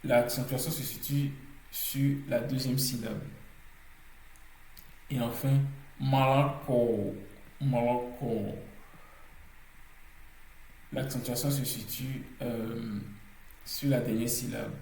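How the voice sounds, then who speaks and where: A man's voice: medium pitch, little pitch movement, slow pace, creaky, long pauses, darkish tone, echoey room, low-quality recording. A man teaching a language lesson in French, explaining pronunciation rules step by step with frequent hesitations, repeating words to drill them.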